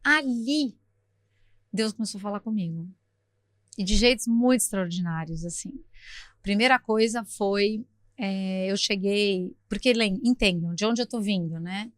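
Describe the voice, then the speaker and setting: A middle-aged woman from Brazil, a podcast guest who tells her story in a lively, talkative way, acting out sounds as she goes. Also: medium pitch, unhurried, no echo, clean studio sound.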